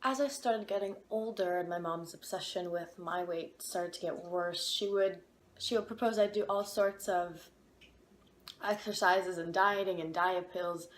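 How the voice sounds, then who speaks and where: A woman in her twenties from Ukraine, candidly and reflectively telling her own story, pausing on fillers as she goes. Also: on the low side. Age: 20s. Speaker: interviewee. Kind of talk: personal testimony. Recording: echoey room, faint background noise.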